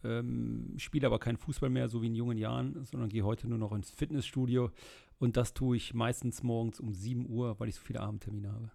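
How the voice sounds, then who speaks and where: Middle-aged man, gravelly voice, interview guest, steady delivery, frequent ums. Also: mid-range voice, a little fast. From Germany, Rhineland. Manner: fluent and steady, with frequent filler sounds. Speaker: interview guest, state politician. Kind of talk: casual interview.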